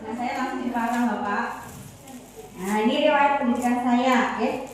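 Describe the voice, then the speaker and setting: A health educator from a community health center in Wonogiri, Central Java, Indonesia, a woman in her thirties with a Javanese accent, gives a chatty health talk to elderly listeners and frequently asks them questions. Her voice is slightly high and moderately paced. The recording is from an echoey hall, far from the mic, with a crowd behind and a faint hiss or hum.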